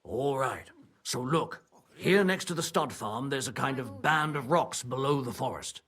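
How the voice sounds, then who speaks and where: A male actor playing a wary, gruff medieval stableman in a video game, grudgingly helpful, with blunt, folksy rustic phrasing. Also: medium pitch, animated, a little slow, a bit bright. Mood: grudgingly cooperative.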